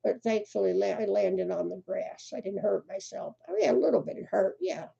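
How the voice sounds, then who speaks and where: An older woman with a medium-pitched, gravelly, dark voice and a breathy edge talks briskly and expressively. She's hosting a casual crochet livestream, chatting, laughing often and greeting viewers by name. The audio is muffled and lo-fi.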